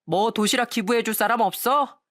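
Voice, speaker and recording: A woman voicing a loud, spiteful teenage schoolboy bully who taunts and sneers. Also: medium pitch, big pitch swings, measured pace, husky, dry recording, clean studio sound, exaggerated voice. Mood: mocking.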